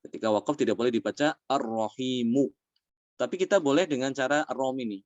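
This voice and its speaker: A man's voice: mid-range voice, darkish tone, no echo, highs cut off. Patient man teaching Quran recitation. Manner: explains patiently, often adding "ya"; slows down to demonstrate recited words. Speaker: tajwid teacher.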